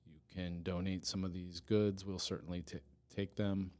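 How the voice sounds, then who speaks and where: A man's voice: low-pitched, little pitch movement, moderate pace, a little mellow. A man speaking as a police department's chief of staff in a casual podcast interview, earnest, with frequent restarts and easy laughter.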